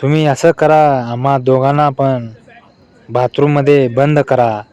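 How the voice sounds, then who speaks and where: A man reading out a string of short adult jokes in a flat delivery. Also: mid-range voice, unhurried, clear, resonant tone. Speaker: joke narrator.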